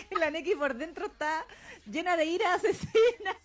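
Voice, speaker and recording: A woman's voice: extremely high pitch, expressive, normal speed. A woman with a Chilean accent co-hosting a podcast in casual chat, chatty and laughing often. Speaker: podcast co-host.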